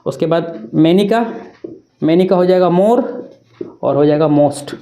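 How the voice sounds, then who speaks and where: A woman's voice: on the low side, unhurried, dark tone. A woman teaching an English grammar lesson, spelling words out letter by letter and checking in with her students often. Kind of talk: classroom-style grammar lesson.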